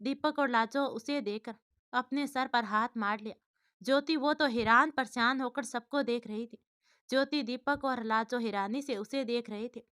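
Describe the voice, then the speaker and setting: Bright high-voiced woman narrating a story. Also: smooth, no room sound, studio quality.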